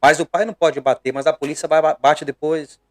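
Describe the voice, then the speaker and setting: Brazilian pastor, middle-aged man from Bahia, earnest conversational preacher with a slightly high pitch. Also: steady tone, brisk, dry recording. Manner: earnest and emphatic, with frequent hesitations.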